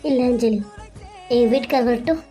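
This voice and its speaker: A woman's voice: a little high, fairly quick, mellow, faint music behind, close to an everyday voice. Woman playing a hurt, stubborn young wife. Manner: firm, insistent.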